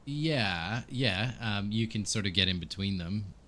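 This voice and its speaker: A man's voice: lowish voice, animated, unhurried, pushed and bright. A man narrating as game master, rambling with many fillers and restarts.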